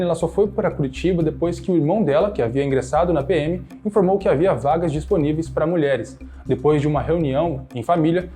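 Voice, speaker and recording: Brief: male radio news narrator, quick scripted read, slightly high voice, mellow tone, faint music underneath. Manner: brisk, read-out news delivery.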